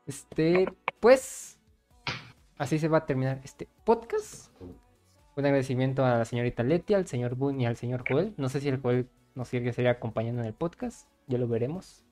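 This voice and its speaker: Podcast host, Mexican, medium pitch, casual and foul-mouthed banter, music underneath. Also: expressive, normal speed, warm tone. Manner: slangy, sweary. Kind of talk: casual, crude joking podcast chat. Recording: music behind the voice.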